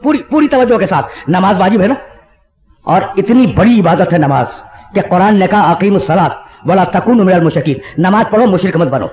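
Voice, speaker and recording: A man, a religious scholar, delivering a Muharram sermon to a large outdoor gathering, asking the crowd rhetorical questions and rising to impassioned shouts. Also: sits high. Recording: echoey, dull lo-fi 1990s tape of loudspeakers.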